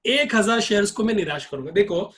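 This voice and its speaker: A man's voice: sits high, expressive, fairly quick, fairly bright tone. A male accounts teacher giving a classroom lecture, drilling his students with repeated questions.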